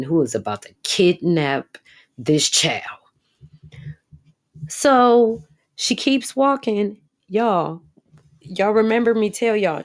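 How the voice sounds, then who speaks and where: Low-voiced, chatty woman recapping a show. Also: a little mellow. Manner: chatty, profane, addresses audience directly. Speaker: TV episode recapper. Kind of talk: casual recap monologue.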